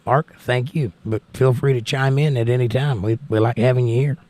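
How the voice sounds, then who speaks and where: A man's voice: mid-range voice, fairly even intonation, fairly quick, a little mellow. An American man with a crackly voice chats casually as a livestream host, reading out messages and thanking people in a folksy way. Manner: folksy, thanking and blessing listeners. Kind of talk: casual live chat, reading out viewer messages.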